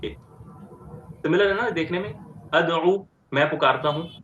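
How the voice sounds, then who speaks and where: A man teaching Arabic grammar step by step in an online lecture, repeating word forms slowly and often checking with "ठीक है?". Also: a little high, fairly bright tone, slight background noise. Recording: roomy, dull lo-fi sound.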